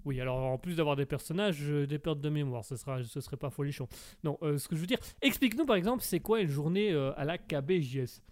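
A man's voice: a little high, quick pace, a little mellow. Patient mock-serious male radio host. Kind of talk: comic on-air interview.

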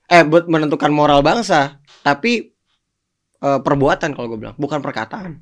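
A man's voice: on the high side, normal speed. A man, arguing his point in a casual podcast chat and often calling his partner "Om". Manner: argumentative, keeps addressing partner as "Om".

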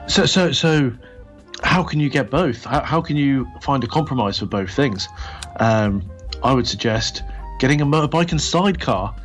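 A man's voice: lively intonation, normal speed, faint music behind, close to an everyday voice. A man voicing a cheeky, chatty old lady who plays agony aunt on a radio show. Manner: falsetto granny voice, rambling.

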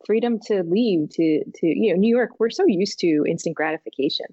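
A woman co-hosting a podcast in casual, reflective chat, thinking aloud with halting restarts and fillers. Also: lowish voice, warm tone, husky, no room sound, dull audio. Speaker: podcast co-host.

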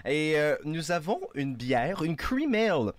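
A man's voice: a little high, big pitch swings, a little slow. A man co-hosting a radio show, playful and punning. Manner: playful, punning, segment-introducing. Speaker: radio co-host. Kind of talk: casual radio banter.

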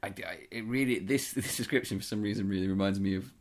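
A man's voice: on the low side, quick pace. A man co-hosting a podcast, chatting eagerly about horror stories, trailing off and quoting lines aloud. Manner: enthusiastic, trails off and restarts, quotes lines aloud. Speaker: podcast co-host. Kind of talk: casual chat about horror fiction.

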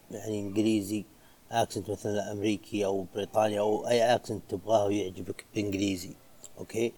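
A young man training in physiotherapy gives casual, chatty advice, dropping English phrases into his speech. His voice is on the low side and mellow.

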